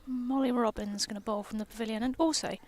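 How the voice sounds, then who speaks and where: A woman's voice: on the high side, fairly even intonation, quick pace, background noise. A young woman, a professional cricketer, co-commentating live cricket on a headset outdoors, chatty and teasing. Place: outdoors under a gazebo at a cricket ground.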